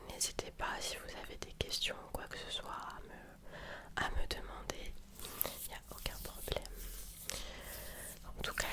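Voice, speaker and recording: A woman with a cold whispers a soft, unhurried ASMR sponsored product read, gently presenting an unboxing. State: has a cold and sore throat. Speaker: ASMR video creator presenting a sponsored box.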